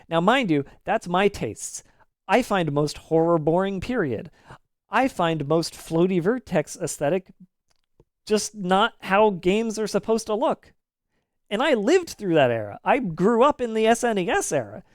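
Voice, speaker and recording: A man's voice: sits high, sing-song, moderate pace, no echo, clean studio sound. A man in his thirties streaming a game live, talking in an opinionated, ranty way with casual swearing.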